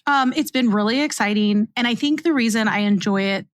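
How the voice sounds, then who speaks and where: A woman's voice: a little high, fairly quick, dry recording. A woman in her mid-forties, a podcast guest, talking earnestly and encouragingly in casual chat. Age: 40s. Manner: earnest, encouraging, many fillers.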